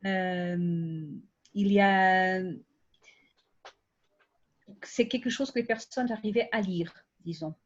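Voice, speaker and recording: A woman with a foreign accent in French, speaking as a non-native academic on a panel. Her delivery is slow and halting, with restarts while she looks for the right word. The recording is slightly dull and lo-fi. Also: mid-range voice. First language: not French. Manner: halting, searching for words, with frequent restarts. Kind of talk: unscripted round-table academic discussion.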